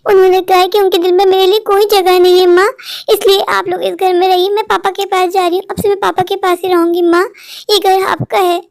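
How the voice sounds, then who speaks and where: A woman voicing a repentant cartoon wife, very high voice. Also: little pitch movement, a little fast, creaky. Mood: pleading. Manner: pleading, apologetic. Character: repentant young wife, tearful and pleading. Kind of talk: dubbed Hindi cartoon story.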